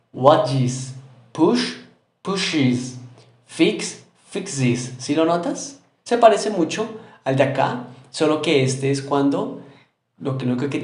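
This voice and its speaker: A man's voice: medium pitch, a little mellow, roomy sound. A Spanish-speaking man teaching an English grammar lesson, explaining step by step, repeating example words, and saying them with a British accent.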